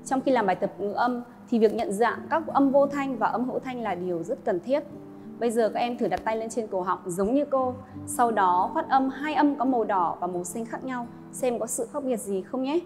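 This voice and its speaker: A woman teacher, slowly modelling English sounds and explaining pronunciation rules to students. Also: on the high side. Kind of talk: classroom lesson narration. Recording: long reverb with faint music.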